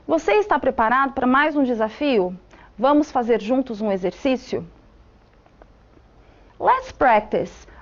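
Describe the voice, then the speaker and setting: A woman teaching an English grammar lesson, slowly spelling out rules step by step. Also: a little high, darkish tone, dull audio.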